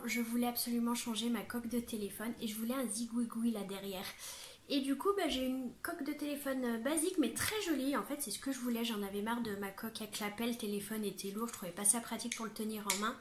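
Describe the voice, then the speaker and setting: Young woman vlogger, bright higher voice, bubbly and chatty, room echo. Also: brisk. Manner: chatty, bubbly, laughs often, many fillers. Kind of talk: casual chat. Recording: echoey room.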